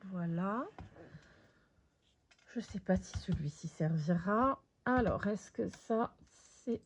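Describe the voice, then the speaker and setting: A woman chatting casually while showing her craft project, thinking aloud with lots of fillers and pauses, sometimes dropping to a soft whisper. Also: mid-range voice, animated, slight background noise. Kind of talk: casual craft video commentary.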